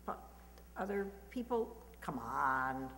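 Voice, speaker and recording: A woman's voice: low voice, big pitch swings, slow pace, fairly bright tone. A woman moderating the forum, encouraging the audience to respond. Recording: distant voice in a reverberant hall, faint noise.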